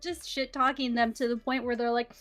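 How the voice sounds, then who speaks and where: High-voiced woman telling a story. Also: a little fast, soft background music. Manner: animated, laughing retelling. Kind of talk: casual chat, storytelling.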